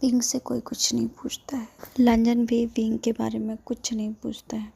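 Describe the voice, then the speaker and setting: Gravelly woman casually retelling a story. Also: on the high side, moderate pace. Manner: relaxed retelling with fillers and English words. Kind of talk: casual narration retelling a drama.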